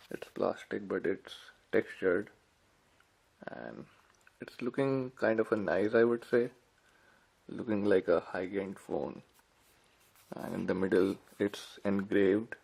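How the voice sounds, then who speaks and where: Here a tech reviewer gives casual, informal unboxing commentary straight to his viewers, calling them "guys." His voice sits low and is creaky and husky, with a darkish tone.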